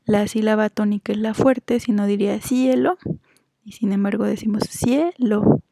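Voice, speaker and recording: A woman's voice: mid-range voice, flat delivery, fairly quick, gravelly, dark tone, no room sound. A woman teaching a grammar lesson, patiently explaining rules and stretching out example words one by one. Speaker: Spanish teacher.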